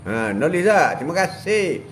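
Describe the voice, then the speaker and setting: An older man from Malaysia hosting a casual live stream, giving religious advice in an animated way, laughing and reading viewer comments aloud outdoors. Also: on the high side, moderate pace, a little hiss or hum. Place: outdoors beside a plantation.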